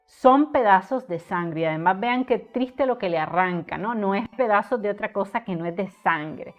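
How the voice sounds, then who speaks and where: A woman's voice: mid-range voice, expressive, moderate pace, dull audio, soft background music. A woman literature tutor giving an online poetry lesson, explaining step by step and counting syllables aloud to her students.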